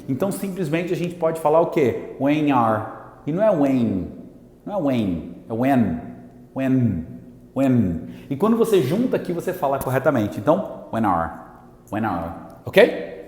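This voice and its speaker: Brazilian man, english teacher, animated up-and-down voice, fairly high pitch, reverberant hall. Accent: Brazilian Portuguese. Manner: lively, repeats examples slowly, checks in with "ok?" and "beleza?". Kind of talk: language lesson at a whiteboard. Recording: echoey room with long reverb.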